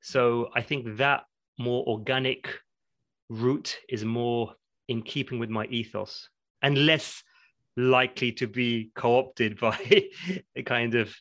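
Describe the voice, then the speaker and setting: A man's voice: medium pitch, steady tone, takes it slowly, a bit bright, no room sound. Thoughtful man, dry close sound. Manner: reflective and discursive, laughs lightly while explaining. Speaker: podcast guest, academic in learning development. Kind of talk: conversational interview.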